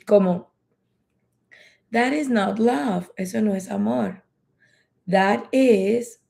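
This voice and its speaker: A woman teaching English in a lesson, slowly repeating phrases for learners to practice. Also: mid-range voice, gravelly, mellow. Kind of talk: bilingual language lesson.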